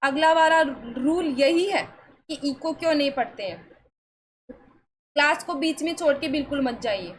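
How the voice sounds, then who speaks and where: High-voiced woman teaching a class. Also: lively intonation, unhurried, pauses often, slight background noise, low-quality recording. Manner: asks the class questions and answers them herself; coaxing, reassuring. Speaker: English pronunciation teacher. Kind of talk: online classroom lesson.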